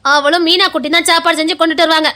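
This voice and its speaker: An actress playing a bossy, motherly elder sister-in-law, speaking with a Tirunelveli accent in a brisk, scolding way. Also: extremely high pitch, steady tone, pushed and bright. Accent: Tirunelveli Tamil. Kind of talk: web series acting.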